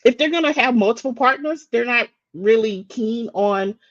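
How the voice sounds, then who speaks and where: A woman's voice: fairly high pitch, normal speed, dry recording, muffled recording. A woman from the United States presenting daily facts in a casual live-stream chat, talking freely with restarts and fillers. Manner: chatty, with frequent restarts and fillers.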